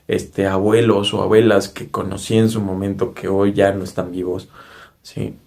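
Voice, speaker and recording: A man's voice: on the low side, warm tone. A man with a Mexican accent earnestly recounting a personal spiritual experience, often checking in with his listeners with tag questions. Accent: Mexican Spanish. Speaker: spiritual speaker. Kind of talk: personal storytelling monologue.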